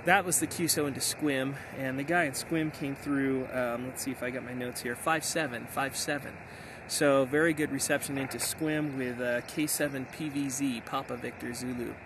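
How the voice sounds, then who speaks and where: Out in the hills of the backcountry, a middle-aged American man who operates amateur radio sums things up in a casual, upbeat vlog. He talks at normal speed with few pauses, in a mid-range voice with fairly even intonation, over outdoor background noise.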